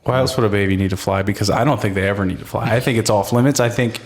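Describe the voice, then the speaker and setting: A man's voice: on the low side, rapid-fire. Man, podcast co-host, emphatic profane rant, casual chat.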